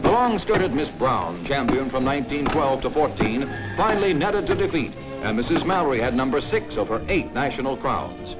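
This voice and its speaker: A man narrating an old newsreel in a brisk, emphatic announcer manner. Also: mid-range voice, very animated. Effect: old newsreel soundtrack. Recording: dull lo-fi film soundtrack with music.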